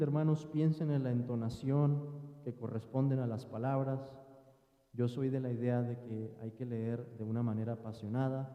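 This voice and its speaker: A man preaching a sermon in an earnest, teaching tone, his voice at a middle pitch. He speaks from a church sanctuary with a long reverb. The sound is slightly dull and muffled. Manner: earnest teaching tone, addresses listeners as brothers. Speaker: pastor.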